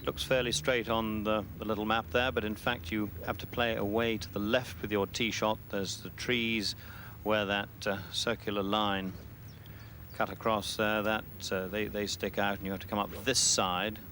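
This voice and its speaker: A man giving explanatory live golf commentary in a measured, analytical manner. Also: lowish voice, flat delivery, pushed and bright. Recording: clear outdoor background noise.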